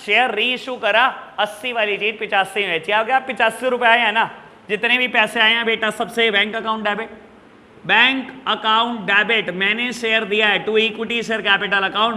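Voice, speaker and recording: Male teacher, high piercing voice, fatherly scold who keeps quizzing the class, echoey room with a long tail. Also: sharp tone. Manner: scolding, fatherly, calls students son, rhetorical questions. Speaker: accounts teacher. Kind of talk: classroom lecture. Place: classroom with students.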